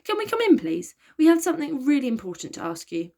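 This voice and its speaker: A woman's voice: high-pitched, huge pitch swings, quick pace, darkish tone, voice pushed up, exaggerated voice. A woman voicing an eager, cheeky young schoolboy in a storybook reading, blurting his lines out.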